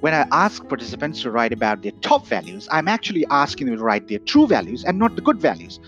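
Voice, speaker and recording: A man's voice: on the high side, big pitch swings, creaky, fairly bright tone. Guy from nepal giving an earnest talk, dull lo-fi sound, faint guitar behind. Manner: earnest, measured, says "right?" often. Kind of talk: reflective talk.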